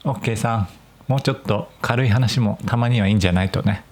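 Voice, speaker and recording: A man's voice: fairly low pitch, quick pace. A young man from Nagoya, Japan, hosting a solo podcast for language learners. He speaks mostly standard Japanese with slight Nagoya touches, in a careful, chatty way. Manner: clear, careful explaining with a relaxed, chatty tone. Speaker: podcast host.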